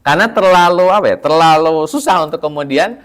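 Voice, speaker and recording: Animated, higher-voiced male preacher. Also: fairly quick. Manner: conversational, repeatedly addressing listeners as "Pak"; animated, with sudden pitch lifts for emphasis. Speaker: Islamic preacher. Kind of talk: sermon.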